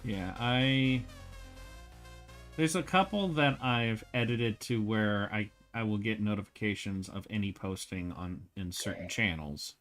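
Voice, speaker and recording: A man's voice: fairly low pitch, measured pace, a bit bright, faint music behind. A man hosting an art stream, chatting casually while he draws, laid-back, laughing often and swearing freely.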